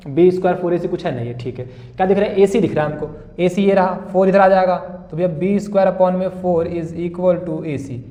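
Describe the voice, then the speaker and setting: A man's voice: high voice, brisk, mellow, muffled recording. A young male maths teacher solving board-exam problems, calling students "beta" and "bhaiya" and asking and answering his own questions. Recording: echoey room.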